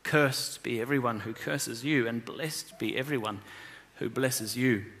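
A man voicing a frail, aged blind father in a low, hushed old man voice. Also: measured pace. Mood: solemn.

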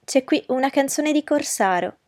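A woman's voice: high voice, lively intonation, normal speed, a little mellow, no echo, studio quality, pitched above the performer's own voice. A woman reading aloud and voicing a proud, mocking young noblewoman who talks in a commanding, scornful way. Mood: haughty. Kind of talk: audiobook character reading.

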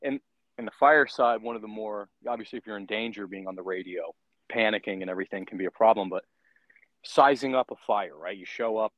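A man's voice: lowish voice, a little fast, dry recording, lo-fi sound. A man hosting a casual interview, talking in long, rambling turns and checking in with the guest as he goes. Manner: rambling, keeps checking in with "right?". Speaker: podcast host.

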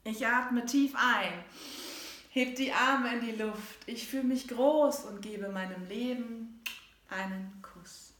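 Female author reading her own rhymed text aloud, unhurried, rhythmic, soft-to-loud dynamics, roomy echo. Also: on the high side. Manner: rhythmic rhyming recital, shifting between soft and loud. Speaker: author and host. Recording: echoey room.

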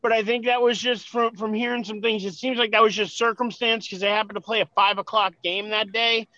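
A man with a high voice arguing sports in a casual podcast chat, pressing his points and often restarting his sentences. His sound is dull and lo-fi, with a dry, close feel. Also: fairly even intonation, brisk, sharp tone, no echo. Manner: argumentative, explains with many restarts. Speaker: podcast co-host.

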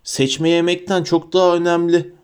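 A man's voice: fairly high pitch, flat delivery, moderate pace, darkish tone, clean tone, pitched above the performer's own voice, close to an everyday voice. A man playing a genteel old ghost. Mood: courteous. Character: genteel male ghost, proud and mournful. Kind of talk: audiobook character voice.

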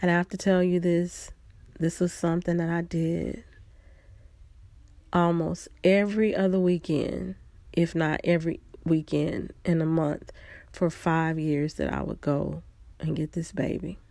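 A woman telling a personal story in a reflective, unhurried way, pausing often. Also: on the low side, level tone, creaky, warm tone, dry recording.

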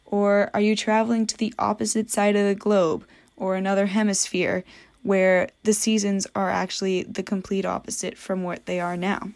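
A woman's voice: mid-range voice, flat delivery, moderate pace, darkish tone. A young woman from New England hosting a casual solo podcast, chatty and full of jokey asides. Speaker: podcast host.

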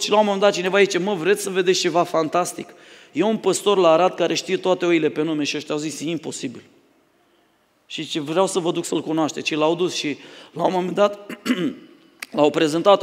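A man preaching a sermon as pastor, telling stories dramatically and swinging from loud calls to hushed tones. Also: sits high. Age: adult, married. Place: church hall. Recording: reverberant church hall.

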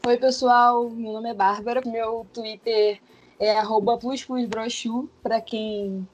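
Woman, 20s, high voice, rambling guest who hedges a lot. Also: little pitch movement, slow, slight background noise. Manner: explains at length, with frequent hedging fillers. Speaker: podcast guest. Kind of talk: casual podcast discussion.

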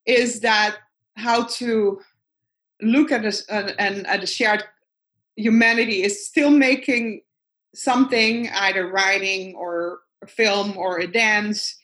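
A woman with a medium-pitched, fairly bright voice speaks at a slow pace and steady tone, with a Dutch accent from her native Dutch. As a guest artist in a casual video-call interview, she muses aloud and circles back to her points, captured in a rough recording.

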